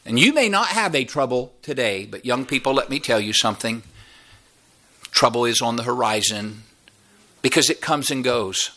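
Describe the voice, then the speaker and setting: A man in his fifties preaching a sermon as a pastor, with his voice sweeping up and dropping low. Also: expressive, normal speed, bright, forceful tone. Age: 50s. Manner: preaching with sweeping rises and drops in voice.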